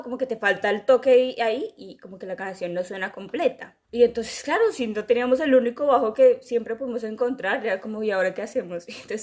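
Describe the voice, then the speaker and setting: A young woman chatting casually as a podcast co-host, explaining things at length in an animated way and imitating sounds. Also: medium pitch. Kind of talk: casual chat.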